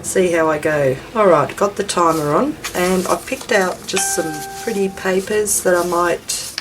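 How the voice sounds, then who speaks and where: An Australian woman, her voice slightly raspy from a chest infection and on the low side, hosts a casual, chatty craft demonstration video at an unhurried pace. She rambles and jokes at her own expense while talking to herself, with noise in the background.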